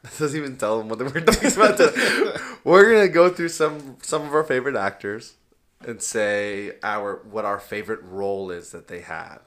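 A young man co-hosting a podcast, chatting casually, laughing often and cutting in with quick remarks. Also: mid-range voice, lively intonation, a bit bright. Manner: reacts with laughter and quick interjections. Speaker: podcast co-host. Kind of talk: casual chat.

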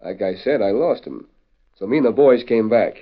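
A plainspoken frontier sheriff in an old radio western. His mid-pitched voice is folksy and wary. The recording is dull and lo-fi. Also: expressive, moderate pace. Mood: wary, suspicious. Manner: folksy frontier drawling slang. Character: small-town western sheriff, plainspoken and suspicious.

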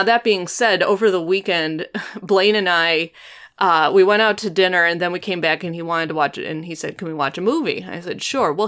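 A woman's voice: fairly low pitch, a bit bright. A woman hosting a podcast in a casual, conversational way, telling stories with animation. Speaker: podcast host.

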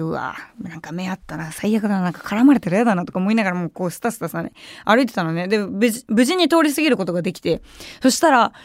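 A woman's voice: medium pitch, no room sound, clean studio sound. A young woman hosting a radio show, telling a story in a casual, chatty way and acting out the voices of people she quotes. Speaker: radio personality. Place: radio studio.

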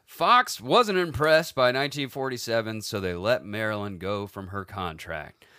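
Male podcast host, bright tone, crude and laughing, casual storytelling. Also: on the low side, animated, normal speed, smooth, no room sound, clean studio sound. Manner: crude, jokey, laughs often. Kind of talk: casual comedic chat, recounting history.

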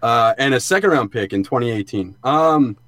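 A man's voice: medium pitch, animated, moderate pace, fairly bright tone, dry recording. Man chatting in a dry sound booth. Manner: informal, explanatory. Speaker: podcast co-host. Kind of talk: casual sports analysis chat.

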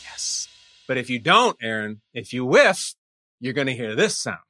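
A man hosting a quiz show interview, playful and energetic as he explains the rules and jokes with his guest. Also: mid-range voice, normal speed, soft background music.

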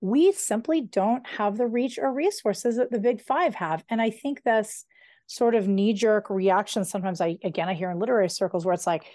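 A middle-aged woman novelist, a guest in a casual interview, talking in an animated, digressive way with quick asides. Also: mid-range voice, no room sound, studio quality.

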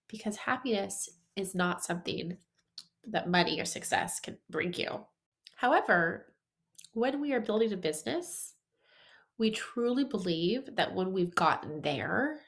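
A solo podcast host with a mid-range voice sounds nasal and stuffed up from a head cold. She chats upbeat and directly coaches her listeners, dropping in casual fillers and restarting sentences.

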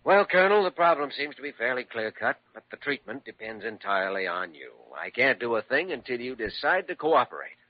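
Earnest young radio-play doctor: coaxing, very animated, muffled vintage broadcast sound. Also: male voice, mid-range voice, fairly quick, few pauses. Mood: urging, firm. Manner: patient, firm, coaxing. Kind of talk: old-time radio drama acting.

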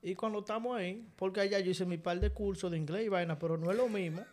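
A man's voice: high-pitched, fast. A man with a Dominican Spanish accent telling funny stories in a casual chat, laughing as he goes. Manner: animated, laughs through his stories. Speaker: podcast co-host. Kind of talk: casual comic storytelling.

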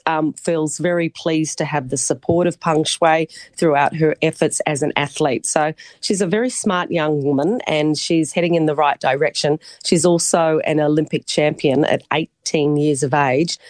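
A woman's voice: low voice, no room sound. A woman with a broad New Zealand accent giving a chatty, articulate and emphatic sports report as a commentator on a live radio cross.

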